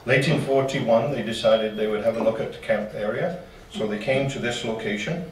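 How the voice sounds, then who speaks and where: A man's voice: lowish voice, brisk, slight background noise. A man giving a slide-show history talk to a club, folksy and dropping joking asides. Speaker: local history presenter. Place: meeting room. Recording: roomy hall from far off.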